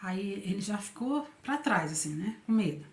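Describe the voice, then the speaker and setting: Woman, Brazilian Portuguese accent, middle-aged, chatty personal testimony, ends phrases with tag questions, mid-pitched, echoey room. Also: big pitch swings, normal speed, darkish tone. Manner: conversational, tags many phrases with a questioning "né?". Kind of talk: telling a personal faith story.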